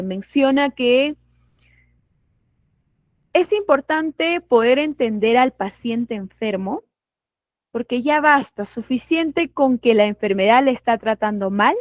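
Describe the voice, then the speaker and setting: Peruvian woman as nursing instructor, high voice, lively questions to the class, muffled dry sound. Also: no room sound. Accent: Peruvian Spanish. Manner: acts out patients and staff in quick put-on voices; asks the class questions and affirms their comments. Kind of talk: online class lecture.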